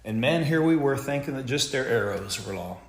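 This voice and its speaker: A man's voice: mid-range voice, brisk. A man, a podcast host telling a long joke with folksy asides. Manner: animated storyteller with folksy asides. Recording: echoey room.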